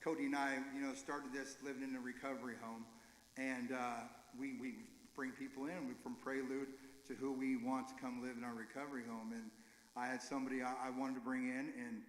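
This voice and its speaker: A man leading a recovery ministry gives an informal, earnest church talk, halting and correcting himself as he goes. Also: mid-range voice, level tone, a little hiss or hum. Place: church sanctuary. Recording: echoey hall with long reverb.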